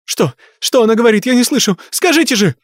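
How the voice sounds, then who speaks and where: A man's voice: sits high, quick pace, warm tone, husky, no echo, clean studio sound, pitched above the performer's own voice. A man voicing a desperate grieving mother who pleads for word of her dead child. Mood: frantic. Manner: pleading, frantic.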